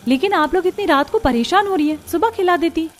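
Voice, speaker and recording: A woman's voice: very high voice, quick pace, a little hiss or hum. A woman voicing a young outspoken daughter-in-law in a cartoon, speaking firmly and asking pointed questions. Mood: questioning. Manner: firm and questioning. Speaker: voice actor. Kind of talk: cartoon voice acting.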